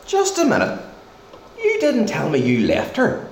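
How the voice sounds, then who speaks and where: Man playing an exasperated go-between, wildly animated. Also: high voice, measured pace, heavily acted. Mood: exasperated, indignant. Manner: indignant, sardonic. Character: exasperated, sarcastic male reluctant go-between. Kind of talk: stage farce acting. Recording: echoey stage, faint noise.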